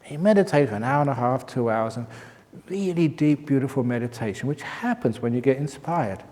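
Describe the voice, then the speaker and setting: A man's voice: mid-range voice, animated, fairly quick, darkish tone. Man telling a story in a reverberant hall. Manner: storytelling, breaks into laughter. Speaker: meditation teacher monk. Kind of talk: dharma talk with storytelling. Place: meditation hall at a retreat.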